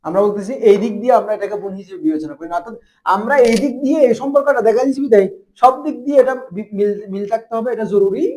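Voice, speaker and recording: In a classroom grammar lesson, a madrasa teacher talks fast in a high, mellow voice, with slight background noise. He keeps tossing rhetorical questions at the students so they keep answering.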